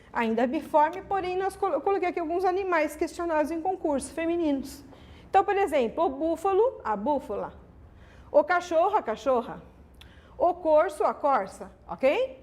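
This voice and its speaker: A woman teacher with a Brazilian accent giving an exam-prep grammar lesson. She asks herself her students' questions and answers them, and keeps checking with tags like "ok?". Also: high voice. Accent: Brazilian Portuguese. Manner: lively, emphatic, many "ok?" and "né?" tags.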